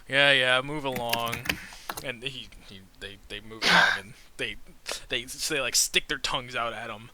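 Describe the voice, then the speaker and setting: A man narrates a tabletop game as game master, casually improvising. His voice is very bright and of middling pitch, the delivery halting and peppered with "like", over a slight hiss. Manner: halting, heavy use of "like". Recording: faint hiss.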